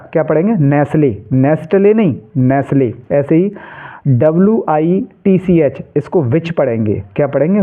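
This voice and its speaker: A man teaching an English lesson who spells words out letter by letter and answers his own questions. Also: on the high side. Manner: spells letters aloud and asks questions, then answers them himself. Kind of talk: classroom-style lesson. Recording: tinny phone-like sound.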